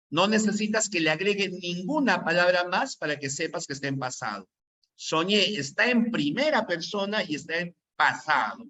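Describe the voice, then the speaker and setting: A man's voice: a little high, sharp tone. A man teaching an online grammar class, quizzing students with rhetorical questions. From Peru.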